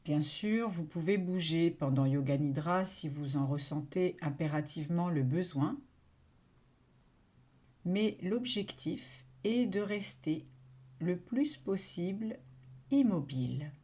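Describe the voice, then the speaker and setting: A yoga nidra meditation guide, this woman speaks with a fairly low pitch, calm and soothing as she leads a guided relaxation. Her phrases are short, and long pauses fall between them.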